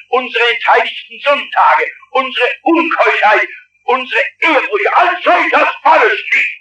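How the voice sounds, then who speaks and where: A man in his fifties or older, a pastor with a Swabian accent, preaching an impassioned sermon with bursts of shouting. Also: high voice. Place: large dark hall with an audience. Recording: old radio recording from far off the mic.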